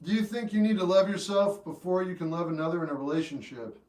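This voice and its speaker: This high-voiced, fast-talking man in his fifties runs a livestream, chatting with viewers in a laid-back, meandering style as he answers the live chat, becoming earnest when giving advice. The sound is echoey and roomy from a distant mic, with faint guitar music behind him.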